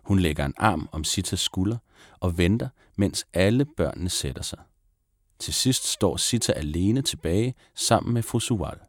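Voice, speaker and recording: Male audiobook narrator for children's stories: very low voice, calm, measured, dry. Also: no echo. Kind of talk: audiobook reading of a children's book.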